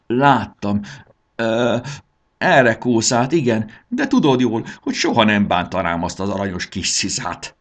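A man's voice: on the low side, animated, voice pushed up, natural voice. A man voicing a lovesick, gluttonous male dragon who courts a girl, in a pleading, sheepish manner.

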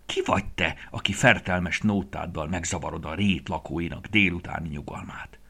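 A man's voice: low-pitched, creaky, bright, forceful tone, husky, exaggerated voice. A man voicing a sly, clever male fox in a children's story, speaking in a mocking way.

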